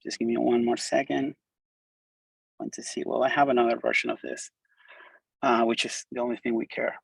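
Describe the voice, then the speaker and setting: Speaking at a meetup with a live demo, this middle-aged conference speaker from Argentina, a native Spanish speaker with an Argentine accent, is informal and enthusiastic, often restarting and using fillers. His mid-range voice is gravelly with a breathy edge and little pitch movement at normal speed, in a low-quality recording with no room sound.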